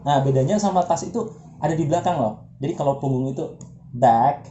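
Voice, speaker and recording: A man's voice: a little high, fairly quick, warm tone, reverberant, muffled recording, a little hiss or hum. A man teaching English pronunciation in a casual, joking lesson, drilling words for a partner to repeat.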